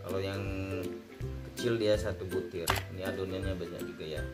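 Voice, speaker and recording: A man's voice: low-pitched, fairly even intonation, fairly quick. A man hosting a casual cooking tutorial, chatting to viewers as friends while he works. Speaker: cooking vlog host. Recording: roomy sound, distant mic, music behind.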